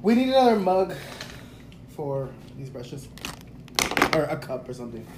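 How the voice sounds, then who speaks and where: A woman's voice: sits low, very animated, moderate pace. A woman chatting casually with a friend, teasing and laughing often. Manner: giggly, teasing. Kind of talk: casual chat. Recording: roomy with loud noise.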